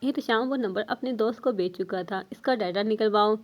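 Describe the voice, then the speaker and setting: A woman reading a novel aloud as narrator in an even, steady storytelling manner. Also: mid-range voice.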